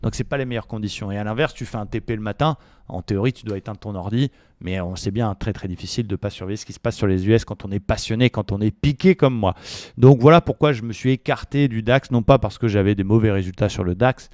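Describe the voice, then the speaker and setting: A man walking through his trading plan in a relaxed, chatty way, full of fillers and slangy asides. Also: fairly low pitch, fast, no room sound, studio quality. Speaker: trading educator. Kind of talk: casual market analysis video.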